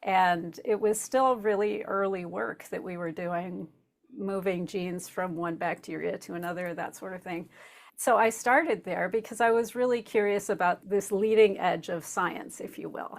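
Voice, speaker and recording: A woman, usually the host, answering interview questions in a relaxed way, laughing easily and explaining with asides. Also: medium pitch. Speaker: podcast host as guest.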